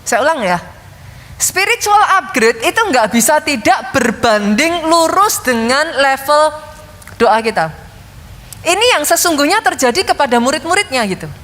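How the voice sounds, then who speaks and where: A middle-aged woman pastor preaching a sermon to her congregation, telling lively stories and addressing them often. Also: high voice, normal speed. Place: large church hall. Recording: long hall reverb.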